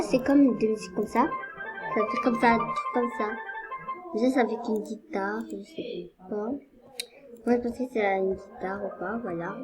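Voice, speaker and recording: A woman's voice: mid-range voice, low-quality recording. Hesitant woman rambling over game music. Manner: hesitant, rambling, full of fillers. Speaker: gaming video creator. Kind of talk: casual gameplay commentary.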